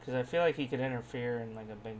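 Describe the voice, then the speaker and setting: A wrestling podcast co-host speaks in rapid-fire bursts, his medium-pitched voice carrying a darkish tone on a rough recording. It's a casual group chat, and he teases the others freely with plenty of swearing.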